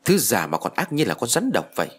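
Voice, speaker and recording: A man voicing a furious young mother who shouts threats at an old woman. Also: medium pitch, wildly swooping pitch, fast talker, husky. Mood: threatening.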